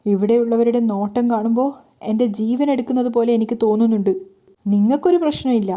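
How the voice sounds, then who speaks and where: Woman voicing a young wife, hurt, loud and reproachful, pleading, mellow dark voice. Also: fairly high pitch, a little fast, natural voice. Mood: tearful pleading. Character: hurt young wife confronting her hot-tempered husband.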